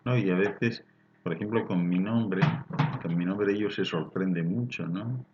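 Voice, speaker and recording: A man with a Spain Spanish accent hosting a live spiritual talk, reading out viewers' chat questions and answering them in a calm, explanatory way, often ending points with a questioning tag. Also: deep voice, unhurried, muffled recording, very noisy.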